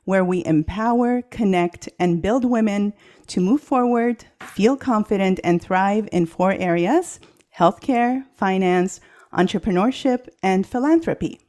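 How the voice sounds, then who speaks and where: Mellow-voiced woman hosting a podcast. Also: mid-range voice, a little slow. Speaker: podcast host. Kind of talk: scripted podcast opening.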